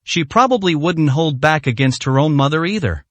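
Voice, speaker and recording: A man narrating a translated novel in a steady, plain reading style. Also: fairly high pitch, moderate pace, dry recording. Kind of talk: storybook narration.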